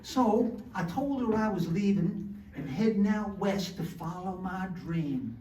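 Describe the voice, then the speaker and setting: An actor playing a plainspoken old cowboy prospector with a drawling, folksy Old West way of talking in a comic Western sketch. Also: male voice, sits high, animated, a little slow, mellow. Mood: folksy, wistful. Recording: roomy, distant mic, faint noise.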